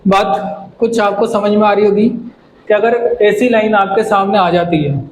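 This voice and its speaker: A man's voice: sits high, fairly even intonation, measured pace. A man teaching a poetry lesson in Hindi mixed with English, patient and repetitive, breaking lines down word by word. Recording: echoey room with faint background noise.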